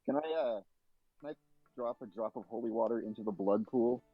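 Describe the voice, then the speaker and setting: A man's voice: medium pitch, a little fast, breathy edge, no echo, soft background music. A man playing a tabletop game in casual chat, recorded on dull lo-fi audio.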